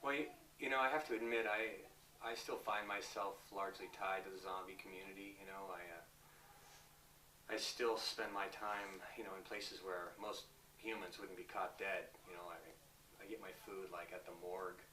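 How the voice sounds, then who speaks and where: A man's voice: low-pitched, fairly even intonation, bright, forceful tone. A man playing a rambling zombie husband. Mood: chatty. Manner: rambling, halting, full of fillers. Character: easygoing male zombie husband, proud and rambling. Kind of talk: mockumentary interview. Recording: echoey room, mic from a distance, faint noise.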